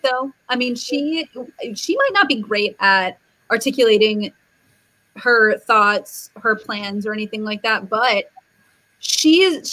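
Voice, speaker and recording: A woman guest chatting casually on a panel, animated, with many fillers and restarts. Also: fairly high pitch, poor audio. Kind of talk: casual chat.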